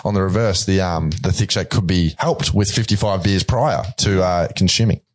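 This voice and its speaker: A man's voice: low-pitched, normal speed. An Australian man hosting a podcast in casual, rambling talk that often hesitates. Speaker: podcast host. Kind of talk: casual chat.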